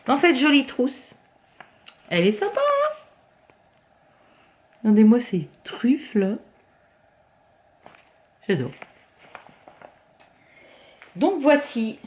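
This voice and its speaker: A woman talks casually to her viewers about her craft projects, her voice sitting fairly high. She is chatty and full of little fillers. Now and then she drops to a soft murmur while she shows things off. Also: very animated, takes it slowly, pauses often. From France. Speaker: craft vlogger. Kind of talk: casual show-and-tell chat.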